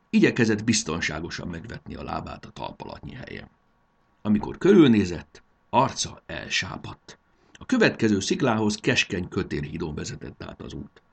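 A man's voice: low voice, creaky, husky. A man reading a children's adventure story aloud as the narrator, in a scripted storybook style. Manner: expressive, animated reading.

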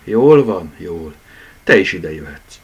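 A man voicing a small sleepy girl who bosses her toys, in a high, breathy child voice. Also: very animated, highs cut off, full character voice. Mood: playful.

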